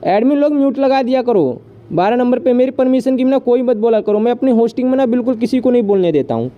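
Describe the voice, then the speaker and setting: A man's voice: extremely high pitch, lively intonation, muffled recording. A man hosting a live app room, rattling off welcomes, rhyming banter and orders to the members. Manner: fast teasing patter, rhyming banter, shouts orders. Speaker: live stream host.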